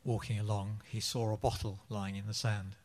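A man with a lowish voice tells a joke as a story. He takes his time and pauses with small fillers as he builds to the punchline. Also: flat delivery, a little mellow. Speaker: guest telling a joke. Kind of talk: anecdotal joke-telling in English.

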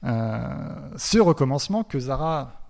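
A man's voice: mid-range voice, lively intonation, takes it slowly, gravelly, a little mellow. A man giving a lecture, speaking hesitantly with many fillers and repeated words.

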